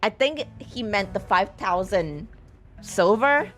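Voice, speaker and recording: A woman streamer chats slowly through a story game, her pitch swinging widely as she reads on-screen text aloud. Now and then she swears out loud, and soft music plays behind her. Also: lively intonation. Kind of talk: casual game commentary.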